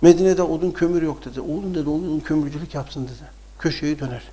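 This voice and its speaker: A man preaching and telling religious stories, acting out the dialogue and swinging from hushed lines to loud outbursts. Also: a little high, fairly even intonation, fast talker. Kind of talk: storytelling sermon.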